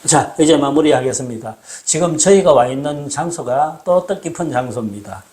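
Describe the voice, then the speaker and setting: A man hosting a casual talk, explaining things in a measured, storytelling way, recorded indoors in an old house. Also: fairly high pitch, lively intonation, a little mellow. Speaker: host.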